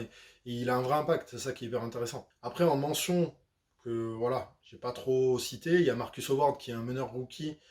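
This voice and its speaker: A young man, casually analyzing a basketball team, slangy and animated with lots of fillers and self-corrections. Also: mid-range voice. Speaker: basketball video host.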